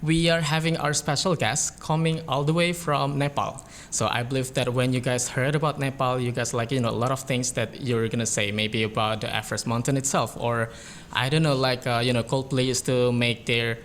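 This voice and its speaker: A man's voice: mid-range voice, level tone, a little fast, a bit bright, slight background noise. A man hosting a university podcast, talking casually with lots of "you know" and "like". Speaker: podcast host. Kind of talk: podcast interview.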